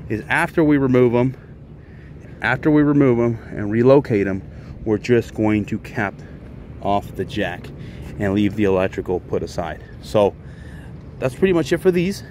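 This man, an HVAC contractor, gives a casual on-site walkthrough of a commercial rooftop job, speaking animatedly at a moderate pace. His mid-range voice is a little mellow, and the handheld outdoor recording carries ambient noise.

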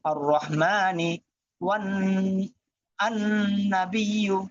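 A man teaching Quran reading, spelling out letters and vowel marks in a steady chant and then reading each whole word. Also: high voice, extremely slow, no echo. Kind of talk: spelling-out recitation lesson. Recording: dull dry lo-fi audio.

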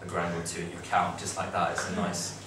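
Speaking quickly in a deep, monotone voice, a young man on a study-abroad panel chats informally with other students, often restarting and using fillers. The classroom has a projector screen. A distant camera picks up his voice, so the audio is echoey and noisy.

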